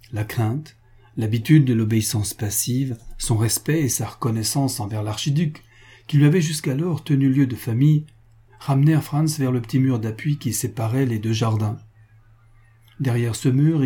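A man giving a measured, scripted reading of a novel as an audiobook narrator. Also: mid-range voice, warm tone, slightly rough.

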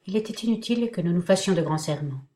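A woman narrating a novel in the first person at a steady, measured pace. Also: lowish voice. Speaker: audiobook narrator.

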